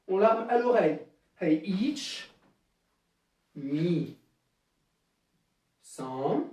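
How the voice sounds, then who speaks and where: A man's voice: extremely high pitch, a little mellow. A man teaching a karate class to children, calling counts in Japanese and guiding each move step by step, recorded live on a camera across the room. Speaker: karate instructor. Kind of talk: live online class instruction. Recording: very echoey room, from far off.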